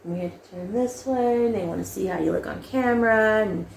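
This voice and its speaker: A young adult woman casually telling a personal story, animated, laughing often and acting out quoted lines. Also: medium pitch, fairly quick, creaky, reverberant, slight background noise.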